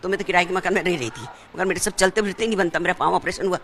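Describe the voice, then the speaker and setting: A woman's voice: fairly low pitch, fairly even intonation, very fast, fairly bright tone, a little hiss or hum. An older woman from Madhya Pradesh, an old-age home resident, answering an interviewer in a rambling way full of family and money details. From Dhar district, Madhya Pradesh.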